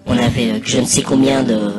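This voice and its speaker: A man giving a casual, improvised mock commentary over video, rambling hesitantly and pausing mid-sentence. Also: mid-range voice, steady tone. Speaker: narrator of a spoof anonymous behind-the-scenes testimony. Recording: voice over loud music. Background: loud music.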